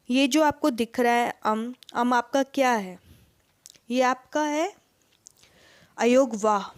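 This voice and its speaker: A woman's voice: on the high side, a little mellow, dry recording, clean studio sound. A woman teacher giving an exam-prep lesson, asking questions and then answering them herself. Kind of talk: exam-prep lesson, Hindi mixed with English words.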